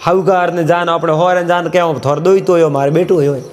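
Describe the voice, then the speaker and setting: A man's voice: on the high side, a little fast, slight background noise. Marwari man telling a folk tale. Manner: lively storytelling with dialogue voices. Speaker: storyteller.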